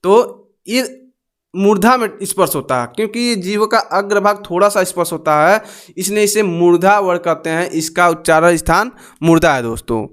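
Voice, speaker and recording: A young male teacher with a high, clear, smooth voice. He walks learners through exam grammar step by step, repeating each sound and drilling it with them. Patient, explaining tone. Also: moderate pace, a bit bright. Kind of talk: exam-prep grammar lesson.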